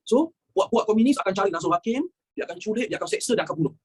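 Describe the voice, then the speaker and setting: A young male teacher with a Malaysian Malay accent, giving an animated history lesson to his students, slipping in English phrases and acting out quotes. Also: high voice, racing, husky.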